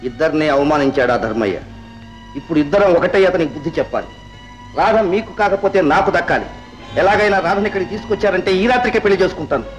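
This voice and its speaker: Scheming landlord, smooth persuader, raised voice, swinging intonation, old film soundtrack, faint score. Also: male voice, high-pitched, animated, soft background music. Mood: proud. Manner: measured, persuasive, rising to proud anger. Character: scheming middle-aged landlord man, smooth-talking. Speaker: zamindar. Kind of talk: 1960s film acting.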